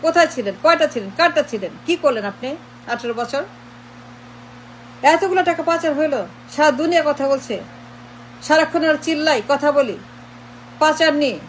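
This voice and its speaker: A woman's voice: high voice, slight background noise, low-quality recording. A woman delivering an impassioned political monologue, firing repeated rhetorical questions and switching between Bengali and English. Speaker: political commentator.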